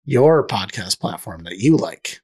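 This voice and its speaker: A man's voice: on the low side, very animated, slow pace, slightly rough. A man co-hosting a podcast in casual chat, rambling and trailing off with fillers. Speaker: podcast co-host.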